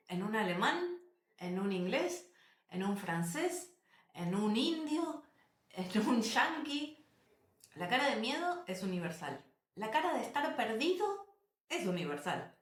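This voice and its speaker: A woman, telling travel stories to camera as a vlogger, animated and emphatic, repeating phrases and addressing viewers directly. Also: medium pitch, moderate pace. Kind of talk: casual storytelling to camera. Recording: roomy echo.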